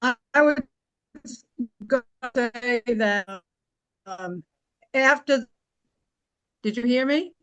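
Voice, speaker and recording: A woman speaking in a committee meeting over a remote call whose audio breaks up, her phrases halting and cutting off. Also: a little high, clear, resonant tone, no room sound, lo-fi sound. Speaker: committee member. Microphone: remote call connection.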